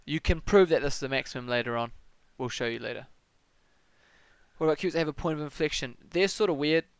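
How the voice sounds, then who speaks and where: A young man with a New Zealand accent talks through a maths exam paper on a live stream, relaxed and chatty as he works each step out aloud. His voice has a gravelly edge, yet it comes through smooth and clear. The sound is dry, with no room echo. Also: a little high, fast. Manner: casual, thinks aloud, answers chat questions. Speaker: maths tutor.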